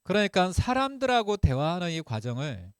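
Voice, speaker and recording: A man giving a motivational seminar talk as group leader, lively and acting out his own past remarks in quotes. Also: high voice, moderate pace, smooth, no echo, clean studio sound.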